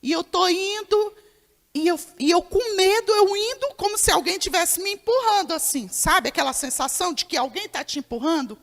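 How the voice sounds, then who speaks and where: A woman's voice: extremely high pitch, expressive, moderate pace, fairly bright tone. A woman pastor telling a testimony in a sermon, acting out the dialogue and calling out to the congregation. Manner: storytelling, acts out dialogue, addresses congregation as irmão. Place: church hall. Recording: long hall reverb.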